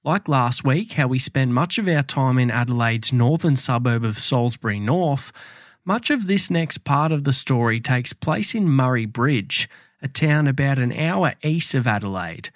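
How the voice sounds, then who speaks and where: A man's voice: mid-range voice, expressive, moderate pace, no room sound, clean studio sound. A man hosting and narrating a true crime podcast from a script.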